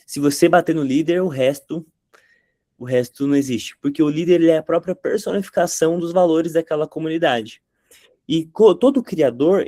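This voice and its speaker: This man's voice is fairly high in pitch yet dark in tone, captured with clean studio sound and no room sound. He teaches about content creation, explaining it conversationally to the camera and tossing in quick catchphrase impressions.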